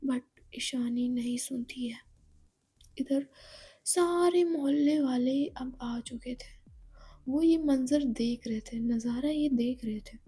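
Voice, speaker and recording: A woman narrating a love story in a soft, half-whispered delivery. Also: sits high, slow, husky. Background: faint music.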